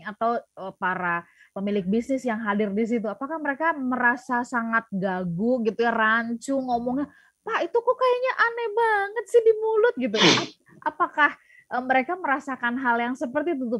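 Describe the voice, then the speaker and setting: A woman's voice: medium pitch, a bit bright, no echo. A woman radio host asks long, winding questions with many fillers. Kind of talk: radio interview, asking questions. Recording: dry, slightly dull studio sound.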